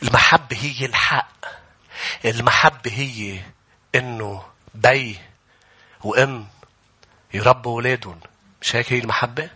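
A male pastor, preaching an impassioned sermon that often rises to shouts. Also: mid-range voice, normal speed, pauses often, slightly rough.

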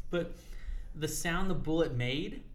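A man's voice: on the high side, takes it slowly, slight background noise. A young man hosting a podcast who talks casually about games, swears, and acts out scenes as he tells them. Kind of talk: casual gaming chat.

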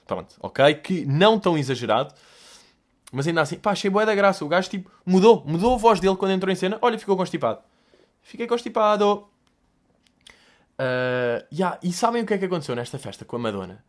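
A young man with a European Portuguese accent riffs through a comic podcast monologue. His voice sits a little high and swings widely in pitch as he jumps into impressions. He swears casually and keeps the tone loose. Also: quick pace. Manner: animated storyteller, swears freely, mimics voices and music. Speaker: podcast host answering listener questions.

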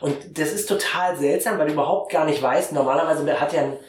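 A man narrating a tabletop game as the game master, giving slow drawn-out voices to the characters. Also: on the high side. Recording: echoey room, distant mic, faint noise.

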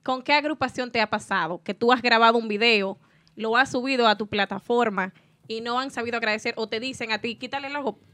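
A woman co-hosting a talk show, her voice fairly high. She presses the guest with pointed questions. Her manner stays lively and direct. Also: fast talker, no echo. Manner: pressing, questioning, laughs easily. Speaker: co-host.

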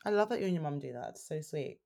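Low-pitched woman with a stuffy nose. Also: lively intonation, very fast, creaky, a little mellow. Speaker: podcast co-host. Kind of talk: casual chat.

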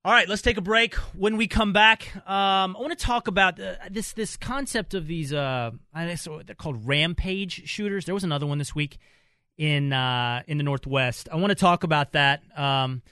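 A man's voice: a little high, moderate pace, sharp tone, clear, resonant tone, no echo. A man hosting a radio talk show, chatting casually and joking with guests in the studio. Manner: joking, bantering, self-described country snob.

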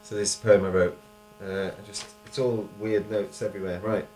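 A man's voice: lowish voice, flat delivery, brisk, warm tone, roomy sound, faint music behind. A man co-hosting a podcast, chatting casually, laughing often and reading his own rhymed poem aloud. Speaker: podcast co-host and poet. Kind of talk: casual chat and poetry reading.

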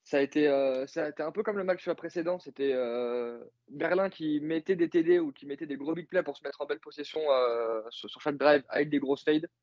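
A man's voice: a little high, fairly quick, hardly any pauses, a little mellow, no echo, muffled recording. A man co-hosting a podcast, casually recapping a football game with many fillers and joking asides. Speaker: podcast co-host, football analyst.

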